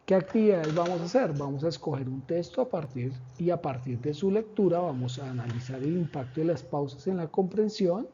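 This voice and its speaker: Male teacher, slightly high pitch, measured explanatory delivery, lo-fi recording. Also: expressive, warm tone, slight background noise. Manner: measured, explanatory, with pauses and fillers. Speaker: teacher presenting a lesson plan. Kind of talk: slide presentation. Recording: dull lo-fi recording.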